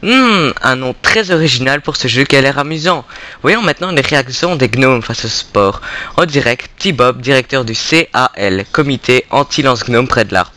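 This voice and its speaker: A man's voice: medium pitch, lively intonation, moderate pace, sharp tone. A man hosting a mock radio show, presenting news and sports in announcer style.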